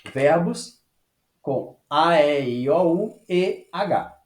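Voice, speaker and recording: A man teaching a French lesson, patiently checking with "ok?" and slowing down to model phrases. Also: a little high, expressive, a little hiss or hum. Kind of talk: online language lesson. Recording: echoey room.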